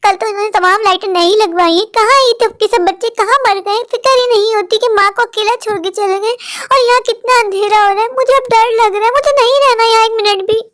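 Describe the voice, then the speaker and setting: Cartoon lead: a high-voiced, nervous young mum who talks to herself. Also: female voice, fairly even intonation, fast, a bit bright. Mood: fearful. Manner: fretful, talking to herself. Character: worried young mother alone in a haunted house.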